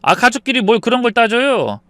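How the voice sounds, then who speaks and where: A man's voice: very high-pitched, sing-song, brisk, a bit bright, dry recording, studio quality, voice pushed up, heavily acted. A man doing a whiny dismissive grown son. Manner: whiny, starts lines with a sighing "ah". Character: dismissive adult son, sides with his wife.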